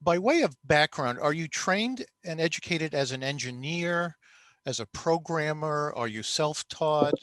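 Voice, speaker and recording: A man hosting a technology review interview, asking questions in a halting way with repeated "uh"s. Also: fairly high pitch, animated, fairly bright tone, no echo.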